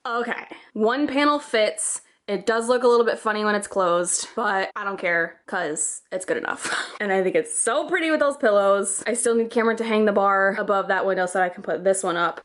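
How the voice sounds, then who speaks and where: A woman's voice: mid-range voice, normal speed, fairly bright tone. A woman in her twenties chatting casually and informally for a personal vlog at home. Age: 20s. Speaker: vlogger. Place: indoors at home, echoey room. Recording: echoey, roomy home recording.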